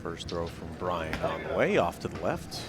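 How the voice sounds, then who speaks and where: A man's voice: low voice, big pitch swings, normal speed, loud music behind the voice. An American man giving live play-by-play sports commentary. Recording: noisy outdoor event ambience.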